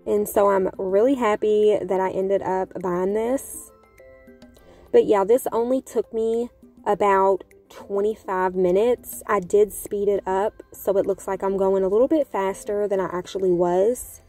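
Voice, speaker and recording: Speaking a little slowly in a mid-range voice with fairly even intonation, a woman home vlogger narrates a friendly, upbeat voice-over. She chats with her viewers, calling them "you guys," as soft music plays behind her.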